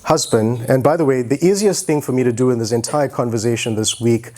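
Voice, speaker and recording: On stage in an indoor auditorium, a native English-speaking guest speaker in his forties delivers an informal motivational talk through a handheld mic. His medium-pitched voice is brisk with a darkish tone, and he shares his story conversationally, with a joking streak.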